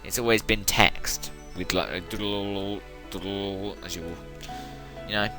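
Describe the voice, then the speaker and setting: Over loud game music, a young let's-play gamer with a lowish, steady-toned voice talks unhurriedly while playing. His commentary is casual and chatty, wandering off and interrupting itself.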